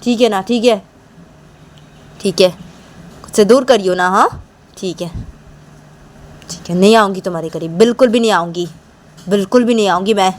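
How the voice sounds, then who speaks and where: A woman's voice: medium pitch, moderate pace, long pauses, lightly acted. A woman voicing a hot-tempered, jealous young woman who scolds and threatens, repeating herself, in an amateur audio story. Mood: angry. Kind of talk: amateur storytelling with voiced dialogue.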